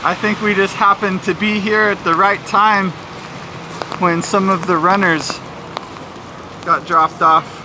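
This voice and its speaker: A man's voice: high-pitched, fairly even intonation, takes it slowly, long pauses. A man narrating a casual vlog while walking around a rainy race course, chatty and joking, filmed on a handheld camera mic. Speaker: filmmaker documenting a race. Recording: noisy outdoor ambience with traffic.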